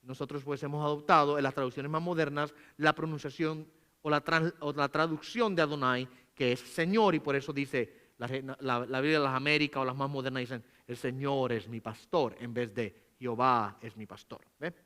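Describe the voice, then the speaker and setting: A pastor delivers a teaching sermon in a church. The man's voice sits high, bright and clear, and he keeps checking in with rhetorical questions while explaining. When he reads scripture aloud he leans on the words. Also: fairly even intonation, fairly quick. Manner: asks rhetorical questions, frequent "¿verdad?".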